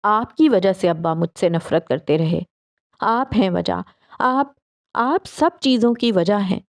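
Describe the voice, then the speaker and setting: A woman voicing an enraged young woman who shouts and bites out her words at her mother. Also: medium pitch, no room sound, clean studio sound, close to an everyday voice. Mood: furious. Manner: shouting, then cold and biting.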